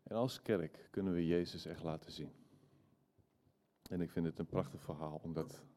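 A man preaching a sermon, telling a story in a calm, measured way. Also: low-pitched.

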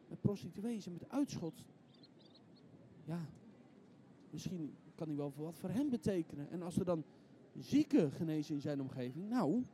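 A man's voice: high-pitched, warm tone, slight background noise. A man preaching in a storytelling sermon, vivid and building in intensity, repeating words as he restarts.

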